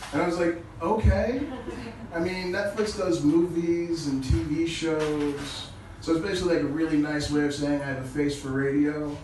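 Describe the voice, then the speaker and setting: A male stand-up comedian with a casual, crude delivery who chuckles at his own jokes, heard through low-quality stream audio. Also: fairly even intonation, unhurried, long pauses. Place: small comedy club stage. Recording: echoey low-quality stream from far off with noise.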